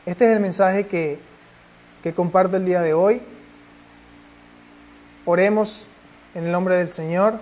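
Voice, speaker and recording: A man's voice: high-pitched, fairly even intonation, normal speed, a little mellow. A man preaching a sermon and then leading a prayer, pressing his listeners with urgent rhetorical questions.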